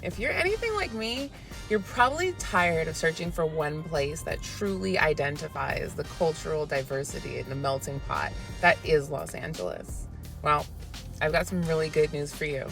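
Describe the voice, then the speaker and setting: A woman giving a confident, persuasive promotional pitch. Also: big pitch swings, moderate pace, vocal fry, a bit bright, faint music behind. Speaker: ad spokesperson. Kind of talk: promo read.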